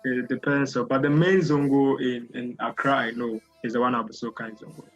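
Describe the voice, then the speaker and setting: A young man from Ghana, talking as a guest in a casual interview, chatty and energetic. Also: mid-range voice, fairly quick, muffled recording, faint music behind. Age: young adult.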